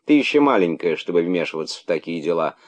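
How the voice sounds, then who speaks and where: A man's voice: deep voice, very animated. A man doing a stern mother monkey. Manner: stern, measured.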